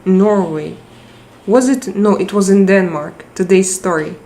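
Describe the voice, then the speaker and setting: Speaking into a tablet microphone, a middle-aged woman with a Russian accent makes casual conversation on a live stream. She keeps breaking off and restarting as she looks for words, in a medium-pitched voice with a dark tone.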